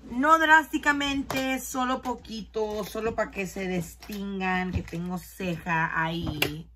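A woman's voice: mid-range voice, takes it slowly, background noise. A woman, chatting casually and switching between Spanish and English as she films a beauty vlog. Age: 20s. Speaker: beauty vlogger. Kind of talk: casual get-ready-with-me chat. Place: small bedroom indoors.

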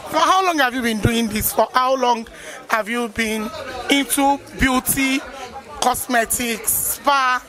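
A Nigerian woman presenting live from a busy event, excited and gushing with praise as she interviews guests. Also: a little high, slow pace, soft background music, a faint crowd. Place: busy salon during a launch event.

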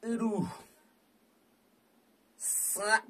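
A man giving rowdy, excited commentary on a slot game, shouting and teasing the game with crude banter. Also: drawn-out words. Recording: voice distant from the mic.

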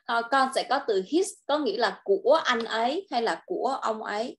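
A woman with a Vietnamese accent tutoring English, patiently coaxing and modelling sentences slowly. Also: a little high, expressive. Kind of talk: online tutoring lesson.

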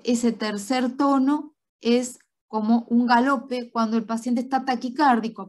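A woman doctor giving a spoken medical lecture, explaining step by step and checking in with quick tag questions. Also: on the high side.

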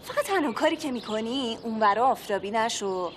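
Lady doing a sly schemer, keeps it hush-hush, faint noise. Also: on the high side, animated, natural voice. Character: scheming woman, Mino. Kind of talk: TV drama acting.

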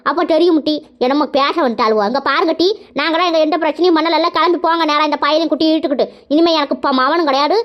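A woman's voice: sits high, muffled recording, natural voice. A woman voicing a proud, scolding mother-in-law in a cartoon, indignant and defensive. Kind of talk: cartoon voice acting.

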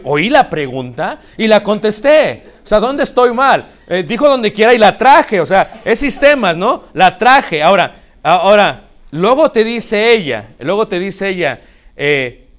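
Male preacher, high voice, playful storytelling sermon. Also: measured pace. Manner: animated, acts out couples' dialogue with humor.

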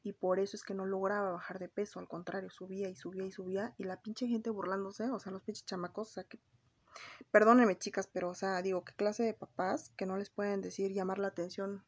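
Young Mexican woman, breathy vlogger, chatty and confiding while doing makeup. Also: mid-range voice, little pitch movement, a little fast, no room sound. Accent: Mexican Spanish. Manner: chatty, confiding, often calls viewers "my girls". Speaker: beauty vlogger.

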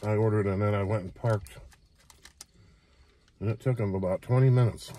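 Mellow, low-voiced man in his sixties. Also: fairly even intonation. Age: 60s. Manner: unhurried, short idle remarks. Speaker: vlogger. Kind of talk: casual chat to camera while eating. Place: inside a parked car.

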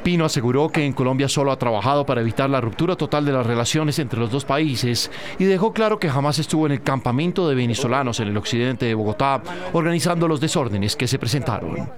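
A man reading a scripted news report in a brisk, even delivery. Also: mid-range voice. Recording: crowd noise behind.

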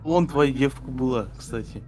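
A man chats casually alongside someone playing a game. His voice is of middling pitch and he stammers over repeated words. Quiet game music sits underneath. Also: normal speed. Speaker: gaming companion off camera.

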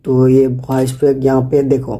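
In this screen-recording voice-over, a man with an Indian accent hosts a gameplay video, chatting casually and often repeating himself as he talks to viewers. His voice is mid-range, monotone and dark in tone, and he takes his time.

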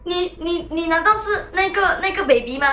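A woman hosting a show and telling a ghost story casually, animated and mixing in English words. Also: very high voice, normal speed. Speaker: host and storyteller. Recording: echoey room with faint music.

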